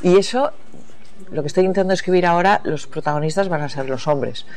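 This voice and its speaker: A woman's voice: fairly low pitch, brisk, a little mellow, slight background noise. Novelist guest, woman from the US, reflective and searching, restarts her thoughts mid-sentence. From United States. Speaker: novelist being interviewed. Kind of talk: reflective interview talk.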